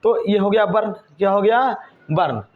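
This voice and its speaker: A man's voice: high-pitched, normal speed. A man teaching a whiteboard grammar lesson, asking the class questions and answering them himself. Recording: dull lo-fi recording.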